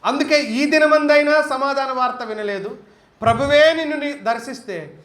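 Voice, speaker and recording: Male pastor, sermon, emphatic and repetitive, high voice, roomy echo. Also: moderate pace, a bit bright. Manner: emphatic, repeats key phrases, storytelling.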